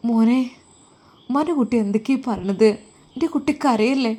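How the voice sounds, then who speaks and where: Woman doing a worried mom, malappuram accent, slow soothing coaxing voice. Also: on the high side, a little mellow, natural voice. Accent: Malappuram Malayalam.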